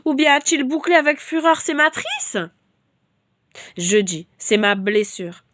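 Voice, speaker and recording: Woman, devotional reader; loud, fervent scripture declamation, bright-ish register. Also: on the high side, no room sound, studio quality. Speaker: bible reader.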